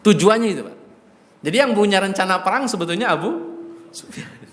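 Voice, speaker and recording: A lively preacher spins a story, joking and turning to his listeners often. His voice is high for a man. The recording carries the long, ringing echo of a large mosque hall. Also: a little fast. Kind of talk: sermon storytelling.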